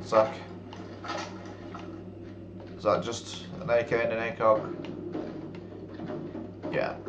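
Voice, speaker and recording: A man's voice: lowish voice, completely flat delivery, takes it slowly. Sweary male gamer in echoey room. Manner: sweary, muttering to himself. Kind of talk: casual game commentary. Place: small indoor room, webcam setup. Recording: echoey room, game noise behind.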